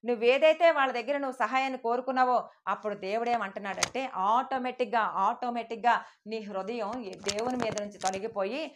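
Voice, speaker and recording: A woman delivers a sermon at a rapid clip, her voice sitting a little high. She preaches fervently and slips into the voices of God and of pleading believers as she goes. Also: steady tone, background noise.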